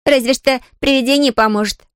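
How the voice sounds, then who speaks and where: A woman's voice: high-pitched, steady tone, fairly quick, smooth, dry recording, studio quality, pitched above the performer's own voice, close to an everyday voice. Fields: a woman playing a mocking bossy big sister. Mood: annoyed. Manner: giggly, sneering, scolding. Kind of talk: storybook reading.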